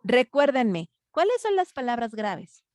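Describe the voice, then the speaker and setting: A woman's voice: a little high, sing-song, measured pace, darkish tone, dry recording, clean studio sound. A woman with a Mexican Spanish accent teaching an online grammar class, patiently questioning students and thinking aloud with fillers.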